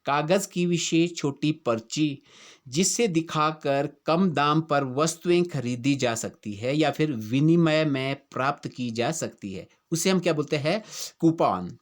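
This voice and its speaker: A man with an Indian accent teaching English pronunciation in a lesson that mixes Hindi and English, asking rhetorical questions and repeating words to drill them. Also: on the high side. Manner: reads English definitions slowly and deliberately.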